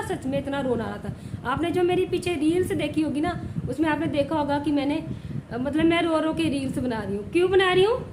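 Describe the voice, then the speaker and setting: A woman with a high voice talks straight to the camera while sick with a fever, complaining and repeating herself. She keeps checking in with her viewers. The room is echoey and loud noise runs behind her. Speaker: village vlogger. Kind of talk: casual vlog talk to camera. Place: home indoors.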